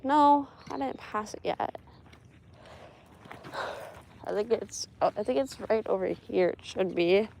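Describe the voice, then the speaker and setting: A woman's voice: mid-range voice, expressive, measured pace, vocal fry, long pauses, a little mellow, a little hiss or hum. A woman vlogging as she walks through a burned cemetery outdoors, talking to herself with dry, sarcastic asides. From Spokane, US. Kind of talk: casual vlog narration while walking.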